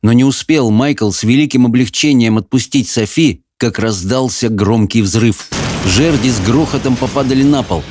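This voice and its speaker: A man giving expressive, measured audiobook narration of a fantasy novel. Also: mid-range voice.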